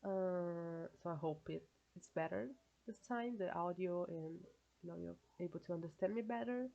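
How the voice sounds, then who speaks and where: A Brazilian reaction video creator with a Brazilian Portuguese accent and a stuffed nose from a cold chats casually to her viewers in solo commentary. She's chatty, self-correcting and full of fillers. Her voice is on the low side, gravelly and warm, at normal speed, with the highs cut off.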